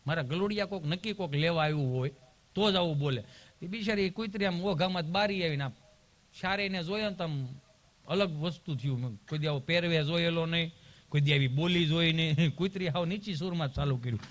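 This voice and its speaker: High-voiced rustic storyteller man. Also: a little fast. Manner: rustic, animated storyteller who acts out voices. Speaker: stand-up comedian. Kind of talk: folk storytelling comedy.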